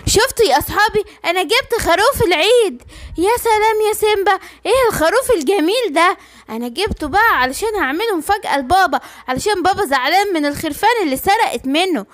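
A proud young lion cub from a children's cartoon, voiced by a woman, with an Egyptian accent. He chatters quickly in a very high voice with lively pitch. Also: no echo. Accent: Egyptian Arabic. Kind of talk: cartoon bedtime story voicing.

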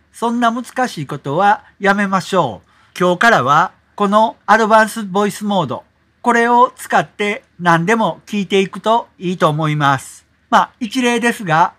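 A middle-aged man with a Kansai accent, relaxed and explanatory, walking viewers through an app as a tutorial host. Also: sits high, normal speed. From Kansai, Japan.

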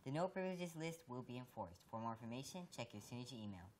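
A teenage student news anchor reading school announcements in a brisk, matter-of-fact way. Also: female voice, rumbling low, very animated, darkish tone, a little hiss or hum. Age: teens.

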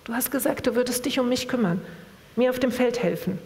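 A woman's voice: on the high side, brisk, a little mellow, pitched above the performer's own voice, natural voice. A woman reading the lines of a smug, dismissive teenage boy mocking his younger sister, at a literary reading. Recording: long reverb of a hall.

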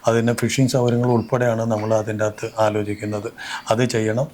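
A man answering interview questions as a local election candidate, earnest and measured, listing his plans point by point. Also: fairly low pitch, flat delivery, darkish tone, slight background noise.

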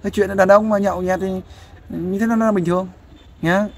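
A man's voice: sits high, steady tone, fairly quick. A man giving fatherly, persuasive advice in a casual interview, often asking for agreement. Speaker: volunteer counselor interviewing a guest.

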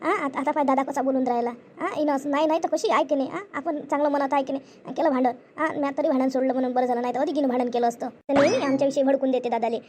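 A woman's voice: high voice, steady tone, fast talker, hardly any pauses, a little mellow, slight background noise. A woman tells a family story in a chatty way. She repeats herself often, reassures the others and gossips about the family. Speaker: storyteller voicing family members. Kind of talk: conversational family skit.

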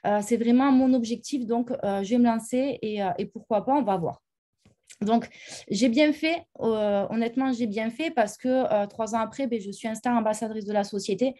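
A woman's voice: fairly high pitch, steady tone, normal speed, mellow. A young woman from France giving a personal testimony, talking with lots of hesitant fillers. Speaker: company ambassador. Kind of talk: personal testimony on a live show.

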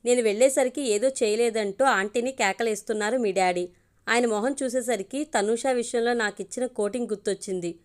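A fretful young groom pleads with his closest friend in a storybook reading, as a woman reads his lines. The voice sits a little high and stays close to the reader's own. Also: brisk, close to an everyday voice. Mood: anxious.

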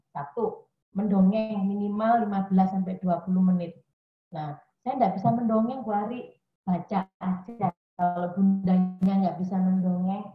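A woman educator giving a chatty parenting webinar talk to mothers, with many fillers. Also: mid-range voice. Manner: chatty, addresses listeners as Bunda, many fillers. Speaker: early childhood educator speaking to parents. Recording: dull, echoey room audio.

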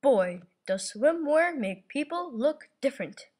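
A woman's voice: high-pitched, very animated, measured pace, darkish tone. C-3PO, fussy droid, voiced by a woman. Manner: prim, easily flustered, says "oh my". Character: fussy golden protocol droid reviewer, male. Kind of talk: homemade toy video narration.

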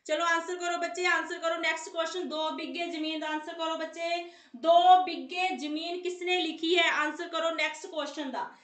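A woman's voice: extremely high pitch, fairly even intonation, normal speed, a bit bright. An Indian Punjabi woman teaching a live quiz class, insistently repeating her prompts and coaxing or scolding pupils in a familiar, chatty way. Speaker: online exam coaching teacher. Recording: echoey room sound.

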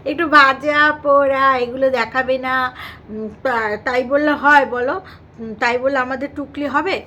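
A woman's voice: sits high, a bit bright, a little hiss or hum. A Bengali woman vlogger chatting casually and teasingly about another creator's videos, full of fillers and playful asides. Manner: gossipy and teasing, many fillers, slips into mock Hindi.

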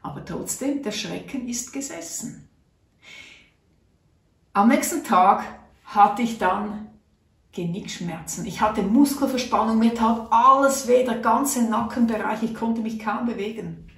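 Seated at a table in a small room, a middle-aged natural health vlogger from Switzerland shares a personal story with the camera, earnest and chatty, voicing her own thoughts aloud. She speaks fairly high, a little slowly and with some creak, picked up by a distant mic that gives a roomy sound.

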